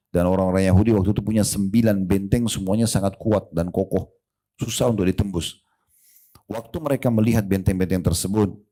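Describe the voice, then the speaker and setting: A middle-aged man delivers a religious lecture. His voice is very low, with a dark and mellow tone. He tells stories and often turns to address the women in his audience directly. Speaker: preacher.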